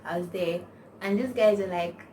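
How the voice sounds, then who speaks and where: A warm-toned, lowish female voice at normal speed belongs to a young vlogger with a Nigerian accent. In her casual chat to camera she tells rambling, slang-filled stories punctuated over and over by "like." It's captured from a distance with noise in the background.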